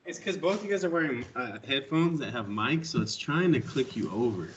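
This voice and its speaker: Quick joking man amid chatter. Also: mid-range voice, lively intonation, muffled recording. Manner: quick, joking, explains the setup. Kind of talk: casual podcast chat.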